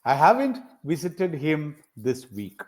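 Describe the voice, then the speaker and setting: Running a conversational English practice session on a video call, a tutor from South India speaks in a fairly high, slightly mellow voice. He's very animated yet takes it slowly. He encourages his student, repeats phrases, and supplies plenty of example sentences.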